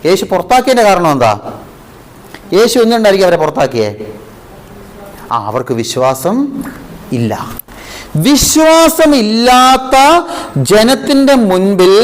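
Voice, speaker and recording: Animated priest preaching a sermon. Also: male voice, normal speed, pauses often, rough recording. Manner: asks the listeners questions and repeats key phrases; animated, with big swings of pitch and loudness.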